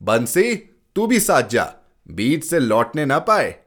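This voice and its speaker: A man's voice: medium pitch, big pitch swings, takes it slowly. A man voicing a stern, impatient father who scolds and gives orders to his son and the household. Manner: scolding, commanding.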